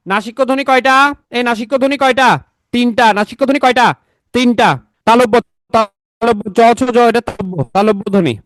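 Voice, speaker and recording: A man's voice: very high-pitched, dry recording. A man teaching a grammar class in a casual, chatty tone, repeating key points and quizzing his students. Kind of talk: online exam-prep lecture.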